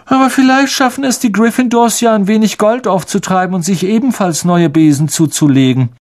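A man voicing an arrogant, sneering schoolboy rival in a slow, haughty drawl. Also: high voice, darkish tone, pitched above the performer's own voice, close to an everyday voice. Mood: smug.

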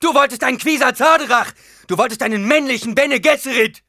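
A man's voice: low-pitched, normal speed, bright, forceful tone, husky, dry recording, clean studio sound, soft background music, heavily acted. A man doing an anguished, bitter teenage Paul. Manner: tense, cries out in anguish.

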